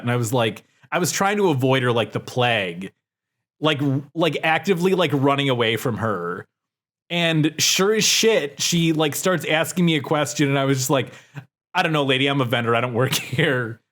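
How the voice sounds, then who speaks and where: A man's voice: mid-range voice, a bit bright. A man co-hosting a podcast, telling stories in casual chat, rambling and profane with lots of fillers. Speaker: podcast co-host.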